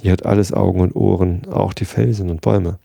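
Fearful frontier settler, urgent warnings, read by a man, dark dry voice. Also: low-pitched, level tone, brisk, gravelly, no echo, heavily acted. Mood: anxious.

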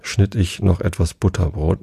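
A man's voice: sits low, fairly even intonation, normal speed, gravelly, dark tone, slightly rough, no echo, full character voice. A man voicing a nervous, fearful hatter on trial in a read-aloud storybook.

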